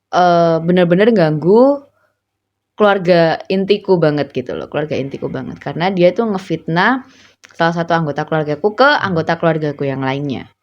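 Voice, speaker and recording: A woman co-hosting a podcast, chatting casually and acting out the voices of people she quotes with big jumps in pitch. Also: moderate pace. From East Java. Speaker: podcast co-host. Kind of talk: casual storytelling chat. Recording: slightly muffled lo-fi audio.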